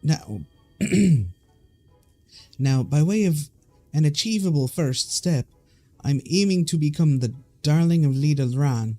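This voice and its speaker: A man's voice: expressive, slow, pauses often, warm tone, faint music behind. A man putting on a vain little fairy with a mock Scottish lilt. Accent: put-on Scottish. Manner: high, bouncy, self-important read. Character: vain, attention-hungry little fairy craving popularity.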